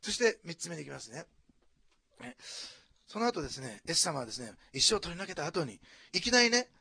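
A male pastor from preaching a sermon, dropping to hushed asides and then rising to loud, animated exclamations. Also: a little high, fairly quick, gravelly, husky, no room sound. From Japan, Osaka.

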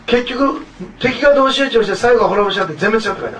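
A man's voice: high voice, racing, fairly bright tone, far from the mic, a little hiss or hum, rough recording. A man preaching a sermon as pastor, earnest and repetitive, with frequent asides to the congregation.

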